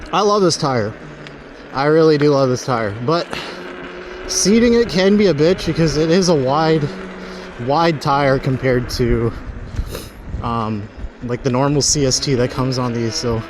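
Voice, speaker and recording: A man's voice: a little high, a little mellow. Rambling man riding outdoors, noisy. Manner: rambling, loose, swears casually. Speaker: vlogger. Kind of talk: casual chat while riding. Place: outdoors on town paths. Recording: wind and street noise from riding outdoors.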